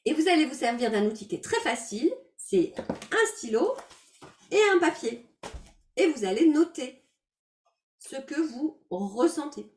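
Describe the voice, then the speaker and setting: A woman working as a life coach, teaching an online workshop in an explanatory, gentle way with many filler words, heard over a video call. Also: high-pitched, very animated, unhurried, pauses often, distant mic, slight background noise. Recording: roomy sound from away from the mic.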